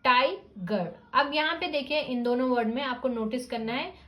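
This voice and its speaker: A woman explains how to read words, slowly sounding out syllables and mixing two languages. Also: high voice, fairly bright tone. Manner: mixes Hindi and English, sounds out syllables slowly. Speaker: teacher guiding parents. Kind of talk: explanatory lesson.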